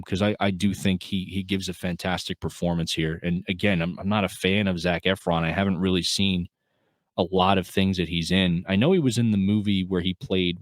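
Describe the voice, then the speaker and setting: A man co-hosting a film podcast talks in a low voice with no room sound. His casual review chat is earnest and rambling, full of fillers and restarts.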